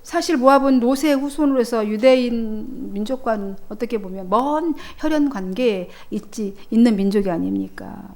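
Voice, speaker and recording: A woman's voice: a little high, a little mellow. Emphatic Korean woman pastor preaching. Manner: emphatic preaching, swelling and dropping in volume. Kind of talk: sermon. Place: church.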